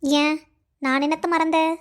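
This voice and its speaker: A very high, piercing voice belongs to a nagging old mother-in-law in a cartoon story, acted by a woman. She keeps scolding her daughter-in-law and accusing her of things. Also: little pitch movement, unhurried. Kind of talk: cartoon voice acting.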